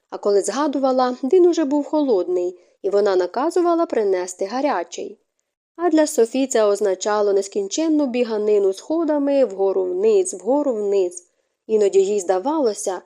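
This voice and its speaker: A woman narrating an audiobook in an expressive storytelling manner. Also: fairly high pitch.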